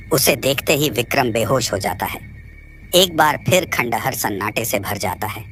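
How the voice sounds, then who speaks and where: A man reads a horror story in a steady, suspenseful way. His voice sits at a middle pitch. Faint music plays behind him. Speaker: narrator. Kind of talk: scripted horror story narration.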